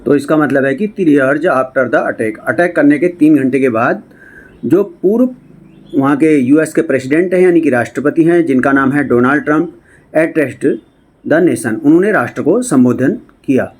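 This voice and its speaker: A man's voice: a little high, a little mellow, husky. Man teaching English from a newspaper. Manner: reads English phrases slowly then explains them; addresses viewers directly. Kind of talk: teaching lesson reading a newspaper.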